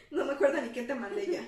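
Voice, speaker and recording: Young woman, high voice, lively chatty storyteller, laughs a lot, roomy room, mic a bit far off. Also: brisk. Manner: animated, laughing, acts out quoted lines. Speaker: storyteller in a chat. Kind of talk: casual chat, retelling a story.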